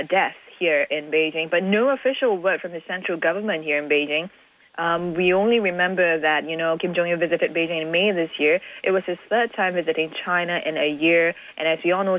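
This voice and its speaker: A woman news correspondent giving an unscripted report by phone. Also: on the low side. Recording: narrow, tinny phone-line audio.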